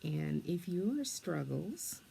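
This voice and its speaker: An older woman with a low, gravelly voice talks gently while she colors, wandering from thought to thought. Her tone is dark and mellow, and she often drops into a near-whisper over a faint hiss of room ambience. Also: very animated, slow pace. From England, then Canada and the United States. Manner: soft-spoken, meandering, often drops to a half-whisper. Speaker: storyteller and coloring host.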